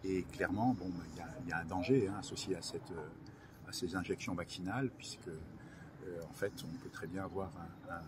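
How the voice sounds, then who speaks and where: A man with a deep voice and fairly even intonation speaks at a normal speed as an interview guest, a research director in biology. He gives technical explanations, hesitating and repeating himself along the way, against loud ambient background noise.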